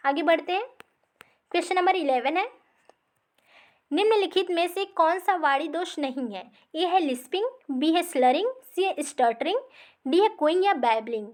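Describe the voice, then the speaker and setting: High-voiced teacher woman, repetitive. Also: lively intonation. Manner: explains slowly, repeats points, says "ठीक है" after nearly every line. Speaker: exam-prep teacher. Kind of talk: recorded exam-practice lesson.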